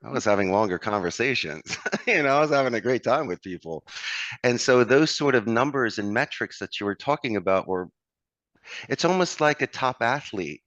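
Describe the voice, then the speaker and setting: A man with a Philadelphia accent appears as a guest on a conversational interview, speaking at a normal pace in a mid-range, animated, slightly bright voice. He runs a call center and talks in an expansive, motivational manner, addressing the host by name. The recording is dry and the audio sounds dull.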